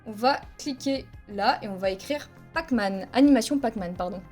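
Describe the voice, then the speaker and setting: A woman's voice: fairly high pitch, expressive, normal speed, a little mellow, soft background music. A woman teaching a video editing tutorial over a headset mic, explaining each step plainly and counting frames aloud. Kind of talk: screen-recorded software tutorial.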